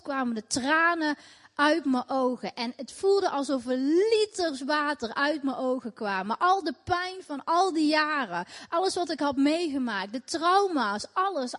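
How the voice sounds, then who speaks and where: A woman telling her personal faith testimony in an earnest, emotional way, often repeating her phrases. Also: high-pitched. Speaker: testimony speaker. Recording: echoey hall with long reverb.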